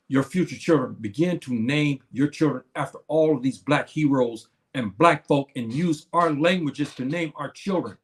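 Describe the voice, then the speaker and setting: Halting seventy-year-old man talking to viewers. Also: medium pitch. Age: 70s. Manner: halting, with many fillers and repeated words; repeats key phrases to his listeners. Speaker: livestream speaker. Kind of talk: casual livestream talk to viewers.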